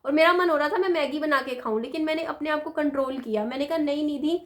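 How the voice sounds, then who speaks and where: A woman's voice: sits high, fast talker. A woman vlogger talking casually and confidingly to her viewers. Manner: chatty, confiding, rambling. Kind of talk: casual vlog talk to viewers.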